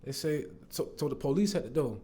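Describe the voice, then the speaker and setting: A man's voice: a little high, lively intonation, fairly quick, mellow. Rambling, earnest man telling a testimony. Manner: rambling, repeats fillers and "bro", restarts often; earnest, swears the story is true. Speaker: storyteller sharing a faith testimony. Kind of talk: casual spoken testimony.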